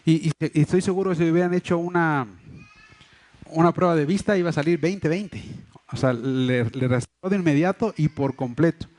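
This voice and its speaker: Earnest Mexico City pastor preaching. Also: male voice, on the high side, normal speed, darkish tone. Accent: Mexico City Spanish. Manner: explanatory, earnest, many fillers and restarts. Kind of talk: sermon. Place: church hall. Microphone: livestream microphone.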